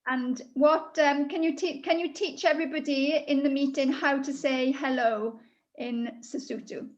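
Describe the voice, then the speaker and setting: A woman's voice: high-pitched, fairly even intonation, measured pace. A woman hosting an online school event over a video call, prompting participants in an informal way. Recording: dull video-call audio.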